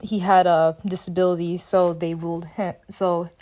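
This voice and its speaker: A young woman co-presenting a student podcast, summarizing a case in an unscripted, halting way with many fillers and restarts. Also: fairly low pitch, level tone, mellow.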